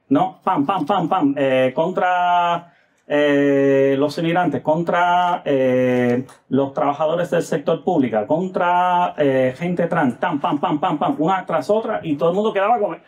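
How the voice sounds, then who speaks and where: An American man appears as a guest offering casual political commentary, hesitant and heavy on filler sounds and rhetorical tag questions. His voice is a little high and a little mellow.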